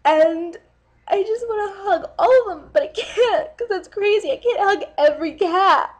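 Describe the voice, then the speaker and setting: A man's voice: very high-pitched, moderate pace, pitched above the performer's own voice. A man voicing an overemotional young woman who gushes tearfully about cats, in a breathless, gushing manner.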